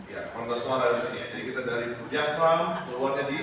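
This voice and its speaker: A man's voice: medium pitch, fast. A man teaching a singing lesson, asking his class many questions in a chatty way. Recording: echoey hall, mic far off, noisy.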